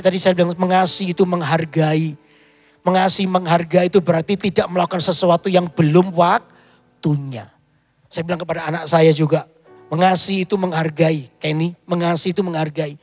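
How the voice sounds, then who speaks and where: A man preaches in a high, gravelly and husky voice. He tells stories in quoted dialogue and rises to emphatic points. Faint music plays behind him. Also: no room sound. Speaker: pastor. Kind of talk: sermon.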